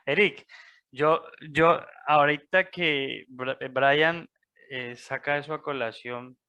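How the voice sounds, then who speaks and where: Man, workshop participant, slow hesitant speech, crisp bright tone. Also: on the high side.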